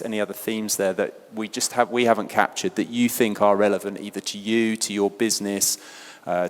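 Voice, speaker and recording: A man with a lowish voice presents at a conference event, reading audience poll answers aloud with a long reverb tail behind him. He's loose and chatty, with many fillers and restarts.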